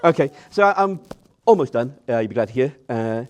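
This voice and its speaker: A man's voice: medium pitch, lively intonation, brisk. A man giving an informal best man's speech to wedding guests, nervous, self-deprecating and joking as he goes. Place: wedding reception in front of seated guests.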